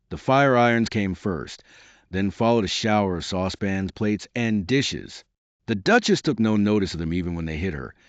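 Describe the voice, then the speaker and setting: A male audiobook narrator with a low voice, reading a classic tale with a lively, animated lilt. The recording sounds dull and dry. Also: no room sound. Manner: lively, expressive storytelling.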